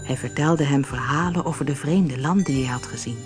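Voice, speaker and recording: A woman reading a fairy tale aloud for an audiobook in a calm, clear storytelling manner. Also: very deep voice, brisk. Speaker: narrator. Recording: faint music behind the voice.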